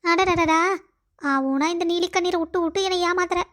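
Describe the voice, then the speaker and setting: A woman's voice: very high-pitched, moderate pace, a bit bright. A woman voicing a suspicious old mother-in-law in a cartoon story. She talks in a scolding, accusing way. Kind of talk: cartoon voice acting.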